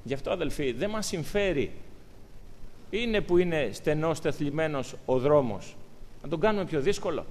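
A man preaching a sermon to his congregation, talking with lively, emphatic rises. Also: fairly high pitch. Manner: animated, rising to emphatic peaks. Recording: long hall reverb.

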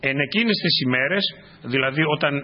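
A man preaching a sermon to his congregation, dropping to quiet asides and then rising into sudden emphatic bursts. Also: fairly high pitch, expressive. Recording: dull lo-fi recording.

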